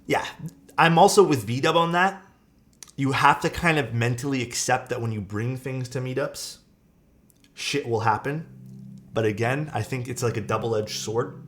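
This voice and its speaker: A keyboard-building streamer in his thirties chats casually on a livestream, reading viewer comments while venting and rambling with many fillers and some swearing. His voice is medium-pitched, a bit bright, and at normal speed.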